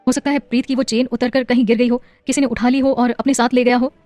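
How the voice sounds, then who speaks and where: A woman reading a story aloud, voicing a loving husband and father who tries to calm his anxious wife. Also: a little high, fast talker, dry recording, soft background music, voice pushed up, close to an everyday voice. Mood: urgent. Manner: soothing then urgent. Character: adult man, worried loving husband and father.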